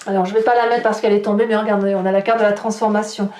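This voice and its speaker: At a racing pace and medium pitch with little melodic movement, a woman hosts a casual tarot reading, speaking to her viewers and thinking aloud in chatty, halting asides. A distant mic captures room echo and obvious hiss.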